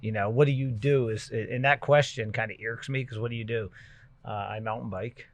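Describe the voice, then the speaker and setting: A middle-aged man hosting a podcast, chatting casually and telling stories with loud bursts when he gets excited. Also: lowish voice, fairly quick. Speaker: podcast host. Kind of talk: casual chat.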